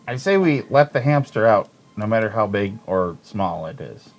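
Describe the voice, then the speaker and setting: A man chatting casually as a tabletop game player, working out his plans aloud in a halting way. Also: fairly low pitch, lively intonation, faint music behind.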